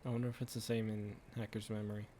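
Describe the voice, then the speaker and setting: A man's voice: lowish voice, little pitch movement, fast, heavy background noise. A man doing casual game stream commentary, rambling and thinking aloud as he plays. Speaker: streamer playing a video game. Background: game music.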